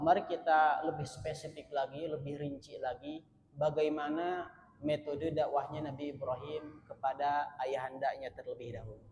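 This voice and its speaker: A man preaching in a mosque, moving between loud chanted verses and a soft, joking explanation to his congregation. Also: a little high, a little hiss or hum. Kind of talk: sermon lesson to a congregation. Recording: echoey hall from a distance.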